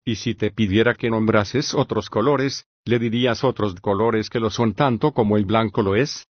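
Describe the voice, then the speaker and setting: A male reader voicing Socrates, an older patient philosopher, reading in an even, measured way with long reasoned questions. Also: on the low side, dry recording, dull audio, lightly acted. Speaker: audiobook reader. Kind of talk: scripted audiobook reading of a philosophical dialogue.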